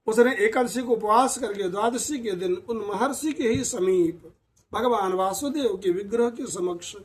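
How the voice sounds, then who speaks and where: A male storyteller narrating a devotional tale in a reverent, measured way. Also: high-pitched, low-quality recording.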